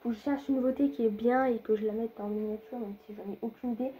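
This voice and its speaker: Her voice a little high with a breathy edge, a young woman talks fast and fairly evenly while commenting on her gameplay. She addresses viewers directly, hesitating often and leaning on fillers, over narrow, tinny audio.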